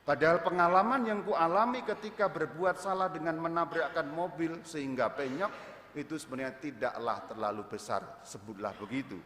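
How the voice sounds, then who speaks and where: Lively male priest in echoey church. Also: fairly high pitch, normal speed, a little hiss or hum. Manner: lively storyteller, acts out surprise, loud bursts. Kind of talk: homily telling a personal story. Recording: echoey church with long reverb.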